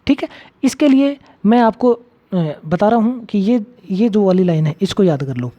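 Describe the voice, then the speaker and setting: A man's voice: high-pitched, animated, moderate pace, dark tone. A man teaching a grammar lecture for exam students. He keeps asking the class questions and repeating his key points. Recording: slightly dull lo-fi audio.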